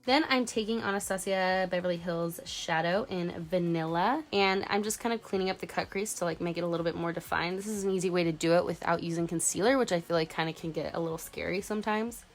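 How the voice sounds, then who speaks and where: Talking fast with few pauses, a beauty vlogger in her twenties narrates a makeup tutorial in a fairly low voice thickened by a cold. Faint music runs behind her casual, chatty talk, which is heavy on "like."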